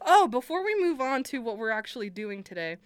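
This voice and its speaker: A woman's voice: fairly high pitch, sing-song, a little fast, crowd noise. A young woman co-hosting a casual podcast chat, rambling and laughing, swearing often. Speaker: podcast co-host.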